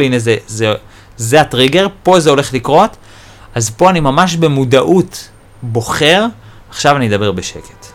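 A man hosting a podcast, explaining personal growth in an animated monologue, acting out inner thoughts and repeating key phrases. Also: medium pitch. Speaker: podcast host and personal development teacher.

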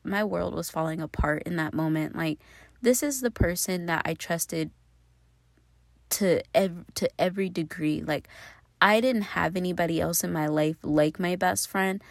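A woman's voice: fairly low pitch, vocal fry, no echo, clean studio sound. A woman in her thirties telling her life story casually to camera, candid and swearing freely as she talks straight to viewers. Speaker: vlogger.

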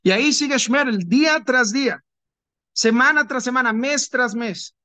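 A man, a rabbi, telling a parable in a dramatic, deliberate sermon style. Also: very high-pitched, bright, forceful tone, no echo. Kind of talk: sermon storytelling.

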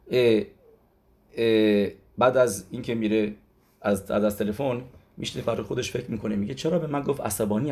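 Man retelling a story in a lesson. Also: mid-range voice. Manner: loose conversational retelling, halting, often restarts words. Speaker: religious teacher.

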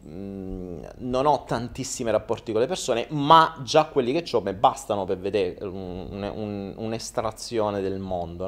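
A man telling a joke in a casual, rambling, self-deprecating monologue. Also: on the low side. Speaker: storyteller.

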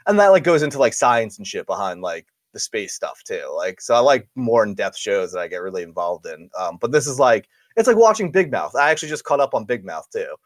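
A man's voice: on the low side, sing-song, brisk, hardly any pauses, dry recording, clean studio sound. A man hosting a casual podcast, rambling, laughing often and swearing freely. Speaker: podcast host. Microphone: studio microphone.

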